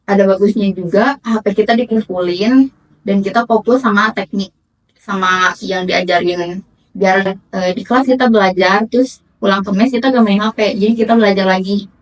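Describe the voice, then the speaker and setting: Woman, 20s, trainee interviewee, relaxed delivery. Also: mid-range voice, normal speed, distant mic, low-quality recording. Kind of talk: casual interview answers.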